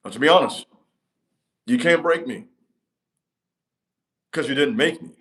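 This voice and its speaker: A channel host, a man with a deep voice, gives a motivational talk to camera in an emphatic, repetitive cadence. He speaks a little slowly, with a fairly bright tone.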